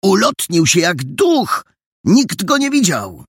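A man doing a shrill, breathless boy. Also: measured pace, slightly rough, no room sound, studio quality, heavily acted. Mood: excited. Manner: shrill excited shouting. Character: excitable breathless boy detective.

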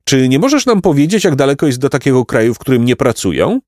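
A man voicing Jacek, a lazy young male creature in a storybook who coaxes and flatters in a sly, wheedling way. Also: medium pitch, brisk, no echo, clean studio sound, pitched above the performer's own voice, close to an everyday voice.

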